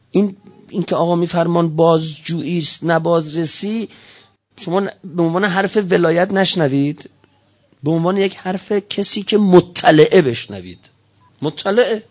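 A man's voice: sits high, lo-fi sound. A man giving an impassioned speech, firing off heated rhetorical questions one after another. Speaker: speaker giving a political talk.

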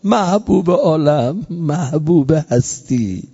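A man's voice: a little high, expressive, husky. A man preaching an emotional mourning sermon, repeating phrases as his voice swells and sinks. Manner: impassioned, repetitive, swelling and sinking in loudness. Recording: dull lo-fi recording.

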